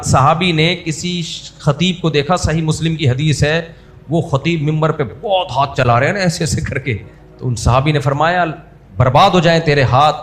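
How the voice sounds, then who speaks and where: Humorous male preacher, slightly high voice. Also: fairly bright tone. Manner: humorous, mixes in everyday English words; acts out scolding voices to make a point. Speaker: Islamic preacher. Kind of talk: conversational sermon.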